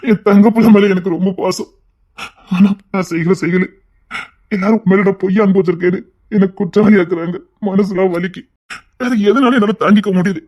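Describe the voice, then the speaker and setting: An actor playing a middle-aged uncle in a TV serial, tender and pleading, who keeps repeating endearments. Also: male voice, high voice, steady tone, a little fast, a little mellow. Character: doting, guilt-ridden middle-aged uncle. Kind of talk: TV serial acting.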